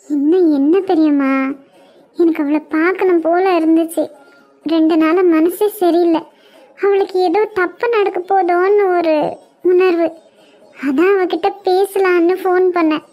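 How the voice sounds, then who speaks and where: A woman's voice: very high-pitched, fairly even intonation, unhurried, highs cut off. A woman voicing a heartbroken young mother in a cartoon, crying and despairing, with a Kanyakumari Tamil accent. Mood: tearful, despairing. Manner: tearful, despairing, pleading. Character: heartbroken young mother rejected by her daughter. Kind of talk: cartoon web series voice acting.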